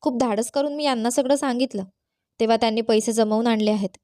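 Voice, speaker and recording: An earnest, kind young sister-in-law from a storybook, speaking in pleading, heartfelt tones, as a woman reader puts her on. The voice is fairly high, mellow, and dry. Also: fast, no echo, close to an everyday voice.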